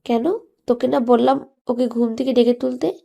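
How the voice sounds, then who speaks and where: A woman voicing a kind, caring middle-aged aunt in an audio story, speaking gently and like a mother. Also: fairly high pitch, level tone, moderate pace, creaky. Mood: chiding. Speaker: narrator's aunt. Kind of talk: audio drama acting.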